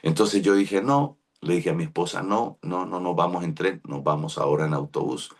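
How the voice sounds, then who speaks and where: A middle-aged Colombian man with a Colombian accent, preaching from a pulpit. His voice sits very low and has a husky edge. He tells his story in lively detail, acts out the people he quotes, and speaks to listeners by name. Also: a little fast. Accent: Colombian Spanish. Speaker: pastor. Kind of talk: sermon with personal story.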